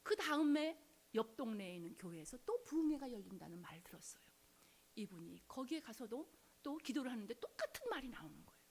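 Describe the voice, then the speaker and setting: A woman's voice: fairly high pitch, big pitch swings, quick pace, husky. A woman preaching, telling a conversion story with dramatic swings into whispers and acted-out quotes. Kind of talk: sermon storytelling.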